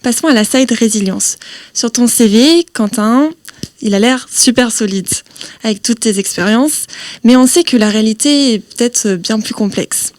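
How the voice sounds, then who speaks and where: A woman with a fairly high voice leads an interview, asking her questions in a clear, structured way. Her voice sounds close and dry. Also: normal speed, darkish tone, dry recording. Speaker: podcast host and interviewer.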